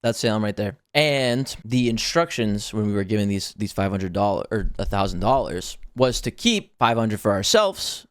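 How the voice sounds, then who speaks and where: A man's voice: fairly low pitch, animated, normal speed, hardly any pauses, no room sound, clean studio sound. A man in his twenties telling a story to a chat in a casual, slangy, conversational way. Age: 20s. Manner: conversational, slangy, acts out quoted dialogue.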